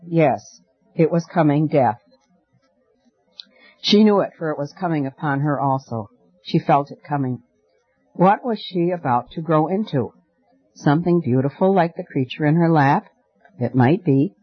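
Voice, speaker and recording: A man reading a storybook aloud in a measured, expressive way. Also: a little high, no room sound. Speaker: audiobook narrator. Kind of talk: scripted storybook narration. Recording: dry, dull lo-fi recording.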